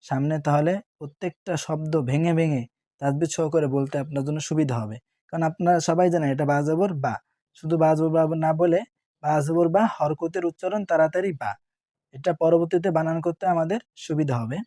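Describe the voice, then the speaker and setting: A man's voice: a little high, fairly even intonation, brisk, warm tone, no echo, studio quality. Man drilling letter sounds patiently. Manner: repetitive, patient call-and-repeat drilling. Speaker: Quran reading teacher.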